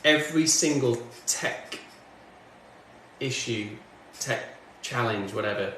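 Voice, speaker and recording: Taking it slowly, a northwest English man who streams music chats with viewers and answers their comments as he works. His medium-pitched voice is bright with a forceful tone. Recorded from a distance and off mic, the indoor home studio is very echoey with faint background noise.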